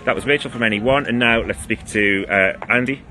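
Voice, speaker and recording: A man's voice: mid-range voice, bright, forceful tone, faint music behind. A man working as a reporter, asking casual questions in a live-streamed outdoor interview. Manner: quick, casual questioning with fillers. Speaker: newspaper reporter. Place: outdoors at a restaurant.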